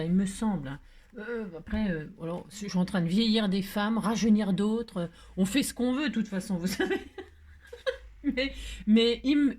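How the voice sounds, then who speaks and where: A woman casually chatting as she makes a card, rambling and playful with lots of fillers. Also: mid-range voice. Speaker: craft vlogger. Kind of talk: casual crafting chat.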